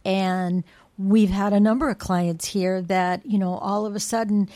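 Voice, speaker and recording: A woman's voice: mid-range voice, fairly even intonation, a little slow, warm tone. A woman co-hosting a casual podcast, speaking in a thoughtful, reflective, conversational way. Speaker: co-host from a home care agency.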